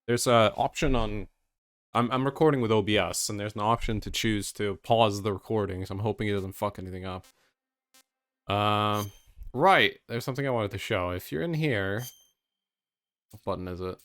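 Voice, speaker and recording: A man's voice: on the low side, moderate pace, fairly bright tone, clean tone, no room sound, studio quality. A man giving casual, rambling, easygoing commentary as he plays a video game. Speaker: let's player.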